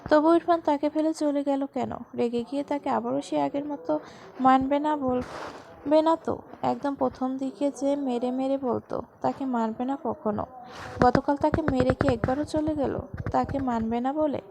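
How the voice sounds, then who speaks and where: A woman narrating a romantic family story as a storybook reading in a steady, even manner. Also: high-pitched, moderate pace, creaky, a little hiss or hum.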